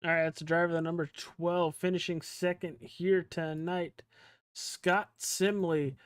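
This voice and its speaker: A man hosting a racing broadcast, his voice sitting a little high and coming through smooth and clean. He talks to the drivers in a relaxed, chummy way, with a dry, close sound. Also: measured pace, no echo. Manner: casual, friendly, calls drivers pal and dude. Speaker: race broadcaster. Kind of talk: post-race interview hosting.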